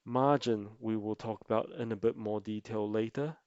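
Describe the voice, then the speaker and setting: A man narrating an explanatory tutorial as an amateur presenter, speaking haltingly in short phrases. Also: on the low side, steady tone, a little mellow, clean tone, dry recording, muffled recording. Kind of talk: explanatory investing tutorial voice-over.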